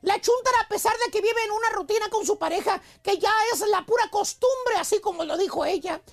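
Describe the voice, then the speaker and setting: A man voicing a cheeky male advice "maestro" in a comic radio segment, with a Mexican accent and rapid, mocking slang. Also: very high voice, creaky, fairly bright tone, heavily acted. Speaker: radio comedy host.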